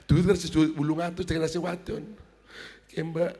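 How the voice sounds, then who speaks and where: A man with a Brebes Javanese accent giving a humorous sermon, telling stories and acting out dialogue with shouts and laughs. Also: a little high, flat delivery, a little fast. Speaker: preacher. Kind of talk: humorous sermon at a family gathering. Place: large hall at a family gathering. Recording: long hall reverb.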